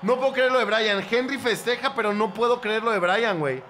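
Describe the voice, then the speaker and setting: A young Mexican man reacting to a football match as it plays, cursing freely and yelling at the screen. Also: high voice, brisk, slight background noise. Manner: profane, excitable, shouts at the screen. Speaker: football fan reaction host.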